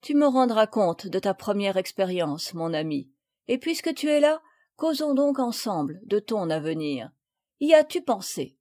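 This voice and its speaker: A woman reading the part of a gentle older father, speaking calmly and kindly. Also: mid-range voice, unhurried. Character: gentle older male father, naval officer.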